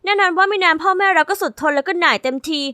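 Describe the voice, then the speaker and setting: High, bright female story narrator. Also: very fast, no room sound, clean studio sound. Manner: lively, sassy. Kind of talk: first-person scripted narration of an animated diary story.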